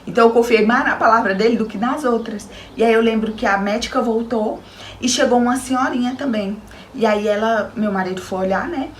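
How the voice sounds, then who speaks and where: A young Brazilian woman, a new mother, tells viewers her personal story with earnest emotion, speaking with a Brazilian Portuguese accent. Her voice is on the high side and brisk. The sound is roomy, with slight background noise.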